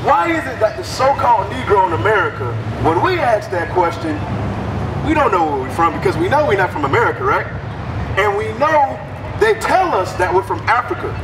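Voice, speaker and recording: A man's voice: sits high, sing-song, fairly quick. A man preaching on a city street, firing rhetorical questions at a passerby. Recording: distant mic, loud street noise.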